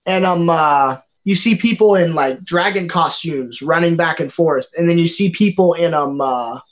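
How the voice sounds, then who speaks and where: High-voiced man, glitchy warbling call audio. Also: normal speed, dull audio. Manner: hesitant, many fillers like "like" and "um". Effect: glitchy, warbling online call audio. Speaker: game master. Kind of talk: narrating a tabletop game over a call.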